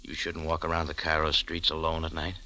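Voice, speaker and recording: In a 1940s radio drama, a man with a very deep, exaggerated voice plays a tough, wry American cafe owner turned sleuth, using an American accent and a clipped, hardboiled style. His delivery is completely flat, brisk, and sharp, with a probing, cool mood. The vintage broadcast includes music and a little hiss or hum.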